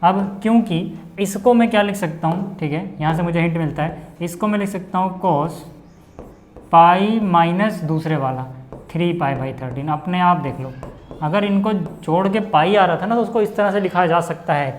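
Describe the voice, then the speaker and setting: A man teaching maths in a friendly, chatty way. He often checks in with "okay", repeats each step slowly and asks his students questions along the way. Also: high voice. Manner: calls viewers brother in a friendly way. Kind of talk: blackboard lesson explanation.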